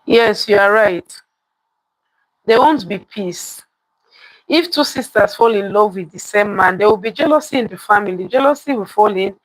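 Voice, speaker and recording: Poor audio with no room sound carries a woman's medium-pitched, lively voice at a moderate pace. She's hosting live storytelling, narrating a folktale to viewers while repeating lines for effect and questioning her listeners.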